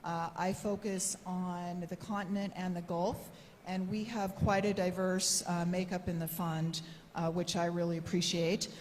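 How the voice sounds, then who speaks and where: Very polite lady doing a formal panel intro, kinda low voice, big echoey room. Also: flat delivery, a little slow, a little mellow. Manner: very polite, courteous. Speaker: panelist, venture investor. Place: conference hall panel. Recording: echoey hall microphone, noisy room.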